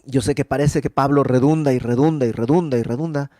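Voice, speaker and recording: A man's voice: mid-range voice, a little fast, mellow, no room sound. Earnest man teaching scripture. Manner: earnest, emphatic, conversational teaching. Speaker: Bible teacher. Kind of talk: verse-by-verse Bible study.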